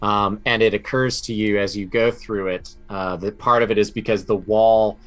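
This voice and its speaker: A man running a tabletop game as game master, describing scenes in a halting way full of ums and restarts. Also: fairly low pitch, fairly even intonation, fairly bright tone.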